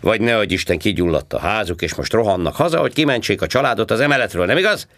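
A man voicing a loud, sharp-tongued traffic cop who barks sarcastic questions in a high-pitched voice. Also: lively intonation, dry recording.

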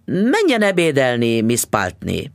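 A man's voice: mid-range voice, wildly swooping pitch, creaky, dry recording, studio quality. A man voicing a smug, stingy middle-aged male dentist who talks down to his wife. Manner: patronizing.

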